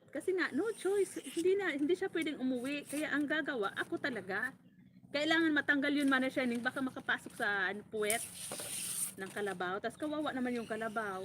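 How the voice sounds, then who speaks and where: A woman from the Bicol countryside runs a farm vlog and tells a story as if to a friend. She is animated and laughs often, and her voice sits a little high. A faint hiss of noise runs under the recording. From Bicol, Philippines. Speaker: farm vlogger.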